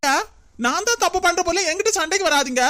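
A woman's voice: very high-pitched, expressive, a little fast, fairly bright tone. A woman voicing a defiant young daughter-in-law in a cartoon, arguing back in a Kanyakumari Tamil accent. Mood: angry. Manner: indignant, retorting.

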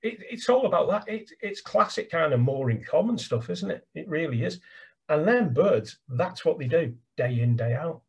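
Over laptop video call audio, an older man with an English accent, who guides birdwatching, talks eagerly about birds in a casual chat, repeating words along the way. His husky voice sits on the high side with lively intonation and a moderate pace, captured by a webcam in a small room at home.

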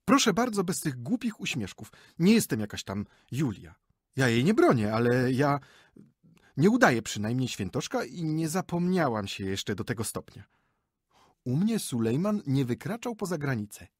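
A man voicing a flighty, chattering wife who is quick to take offence, in an audiobook. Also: medium pitch, sing-song, slightly rough, dry recording, studio quality, pitched above the performer's own voice. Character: flighty, chattering wife, middle-aged woman. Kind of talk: audiobook character reading.

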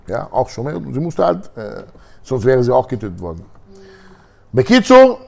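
A man's voice: medium pitch, wildly swooping pitch, normal speed, vocal fry. A man preaching through a dramatic story, speaking straight to his listeners as a religious teacher. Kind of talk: storytelling sermon.

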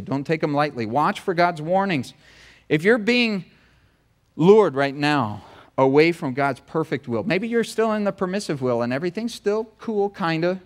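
A male pastor preaching a sermon, retelling scripture like an animated, joking play-by-play. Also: a little high. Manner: animated, humorous storytelling.

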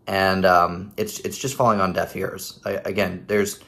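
A man's voice: low-pitched, little pitch movement, moderate pace, pushed and bright. A man in his thirties hosting a casual, critical commentary video from home, with a sarcastic edge. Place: living room at home.

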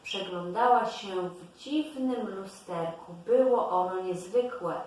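A woman reads a fairy tale aloud at an unhurried, careful pace, like a storybook narrator. Her voice comes from some distance off in a very echoey room. A faint hiss sits underneath. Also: mid-range voice, a little mellow. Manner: slow, deliberate storytelling delivery.

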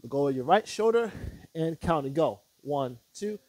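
A man working as a fitness instructor, guiding stretches with short, measured step-by-step directions and counts. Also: on the high side, animated, a little mellow, no room sound.

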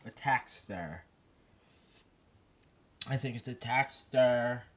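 A man talks to his viewers in a bright, forceful voice, wandering from point to point and restarting his sentences. He sounds a little out of breath, and the sound comes from a camera mic held in his hand. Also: mid-range voice, slow. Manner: rambling, hesitant, with restarts. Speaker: vlogger. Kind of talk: casual vlog talk to camera. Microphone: handheld camera mic.

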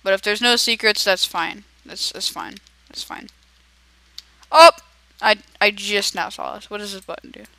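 Excitable young male gamer, bright voice. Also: high voice, normal speed, no echo, poor audio. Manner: excitable, chatty, talks to himself while playing. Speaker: gaming video creator. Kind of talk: casual gameplay commentary.

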